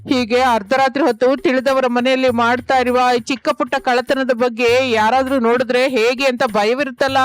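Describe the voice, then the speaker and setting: Woman doing a nervous village husband, slow and a bit distant, high voice. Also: steady tone, no room sound, lightly acted. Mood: worried. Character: anxious young husband, a villager.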